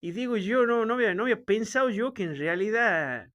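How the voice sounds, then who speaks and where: High-voiced Argentine man rambling. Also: animated, brisk, fairly bright tone, dull audio. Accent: Rioplatense Argentine. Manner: keeps tagging "me entendés?", sardonic, rambling. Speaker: show host. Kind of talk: casual rambling monologue.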